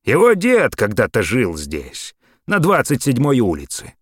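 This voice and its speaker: A man voicing a feisty, brash old man with a loud, folksy, triumphant way of talking, in an audiobook. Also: mid-range voice, huge pitch swings, a little slow, no echo, clean studio sound, pitched above the performer's own voice. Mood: gleeful.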